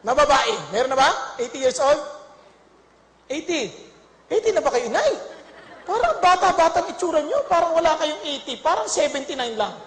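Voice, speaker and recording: A woman preaches with a very high, lively voice that swoops up and down. She tells the story playfully and laughs often, asking the congregation questions. The sound rings around a large hall with a long reverb. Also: moderate pace. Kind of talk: humorous Bible storytelling sermon.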